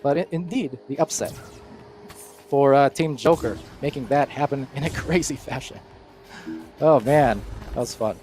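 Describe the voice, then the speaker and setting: A man casting a live esports match, calling plays quickly and excitedly with casual fillers, then chatting loosely as host. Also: medium pitch, faint music behind. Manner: energetic, rapid play-calling with fillers. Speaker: esports caster. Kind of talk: live play-by-play esports commentary.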